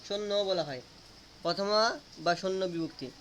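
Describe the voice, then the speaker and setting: A man's voice: sits high, normal speed, fairly bright tone, slight background noise. A man teaching a grammar lesson, asking students questions and repeating answers to drill them.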